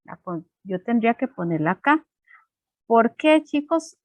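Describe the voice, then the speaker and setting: A woman teaching an online class, talking patiently and explaining each step with plenty of fillers. Her voice sits a little high and sounds dry and close to the computer microphone, with no room echo. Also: sing-song, unhurried. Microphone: computer microphone on a video call.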